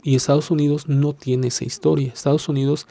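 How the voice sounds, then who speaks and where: Fairly high-pitched, gravelly and warm, this man speaks quickly with little pitch movement, and there's no room sound. He's Mexican, with a Mexican accent, hosting a casual reaction video where he stumbles through fillers and restarts, hedging his views and downplaying himself.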